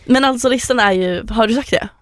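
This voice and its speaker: A young woman co-hosting a podcast, telling stories in a lively way and acting out dialogue. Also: fairly high pitch, no room sound, clean studio sound. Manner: lively storyteller, acts out dialogue. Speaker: podcast co-host. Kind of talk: casual chat.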